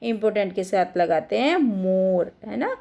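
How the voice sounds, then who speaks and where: A woman's voice: mid-range voice, lively intonation, measured pace, dark tone. A woman teaching schoolchildren grammar, spelling words out letter by letter and checking in with frequent rhetorical questions.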